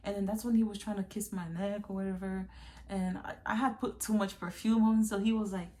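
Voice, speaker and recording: A woman's voice: medium pitch, little pitch movement, fairly quick, mellow. A young woman vlogger chatting candidly to viewers in a casual storytime confession, calling them y'all.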